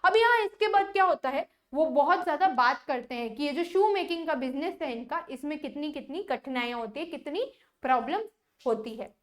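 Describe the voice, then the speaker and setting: A woman teacher explaining English word meanings to students, reading English lines slowly and repeating them. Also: high-pitched, expressive. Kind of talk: classroom lesson explaining English vocabulary.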